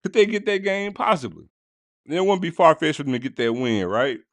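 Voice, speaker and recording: A man hosting a casual sports podcast, talking straight to his listeners in slangy, animated bursts. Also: fairly high pitch, fairly quick, no room sound. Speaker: podcast host.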